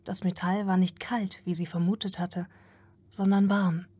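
A woman's voice: on the low side, flat delivery, measured pace, a little mellow, slightly rough, dry recording. A woman narrating an audiobook in a tense, dramatic reading.

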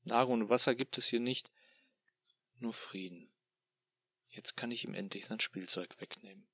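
A man giving a dramatic first-person audiobook narration in a hushed, despairing, intense way. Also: medium pitch, moderate pace, no echo.

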